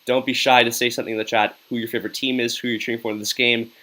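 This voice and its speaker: A young man hosts a casual live stream reacting to a hockey game, reading viewer comments aloud and hyping up his audience. His mid-range voice is level and sharp, coming out rapid-fire, and he keeps things upbeat and chatty, dropping "yo" often.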